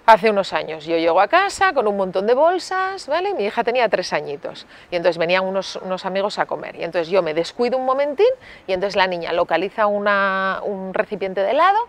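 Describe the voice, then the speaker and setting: A woman pediatrician explaining parenting in an interview, lively and acting out parent and child exchanges, often checking in with "¿vale?". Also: mid-range voice. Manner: lively, acts out parent and child dialogue in storytelling; uses many filler tags like "¿vale?".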